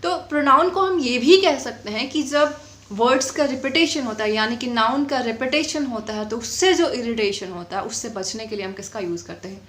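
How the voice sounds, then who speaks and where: Woman teacher going over grammar, bright clear voice, keeps asking "clear?", echoey room. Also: on the high side, a little hiss or hum. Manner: explains patiently, asks frequent check questions; dictates definitions slowly. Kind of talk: classroom-style grammar lesson.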